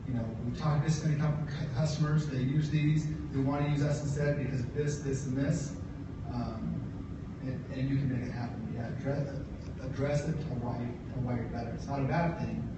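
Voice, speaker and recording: An echo-heavy, muffled recording of a man speaking from a distance. He offers informal entrepreneurial advice in a matter-of-fact, encouraging way. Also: mid-range voice. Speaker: entrepreneur giving advice on a pitch panel. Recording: echoey, muffled, noisy distant mic.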